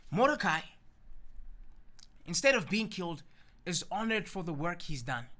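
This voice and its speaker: A man preaching a sermon, retelling a story in an energetic, emphatic way and closing in prayer. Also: fairly high pitch.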